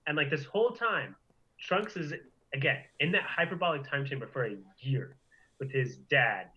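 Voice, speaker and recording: A man's voice: medium pitch, lively intonation, moderate pace, lo-fi sound. A young man co-hosting a casual chat, animatedly retelling and reacting as a fan. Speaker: co-host.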